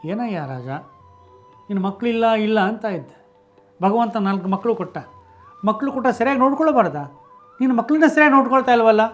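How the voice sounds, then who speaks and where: A man voicing an old male sage who teases a king in a brisk way, told as part of a religious story. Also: mid-range voice, darkish tone, soft background music, pitched below the performer's own voice, natural voice. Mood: teasing. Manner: teasing, brisk.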